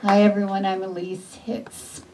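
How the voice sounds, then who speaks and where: A woman giving an earnest, informal speech to a small gathering, with pauses and restarts. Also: medium pitch, little pitch movement, recorded from a distance, very noisy. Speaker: event attendee giving a speech.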